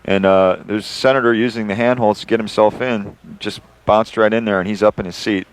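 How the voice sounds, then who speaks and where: A man's voice: fairly low pitch, fairly even intonation, fairly quick, clear, resonant tone, no room sound. A man, an astronaut, explaining procedures in informal, conversational live commentary as a guest.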